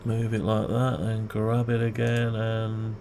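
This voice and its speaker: A man with a lowish, creaky voice speaks slowly, muttering and questioning himself as he demonstrates design work off the cuff. He's a video creator showing CAD design, thinking aloud while keyboard typing and steady background noise fill the recording.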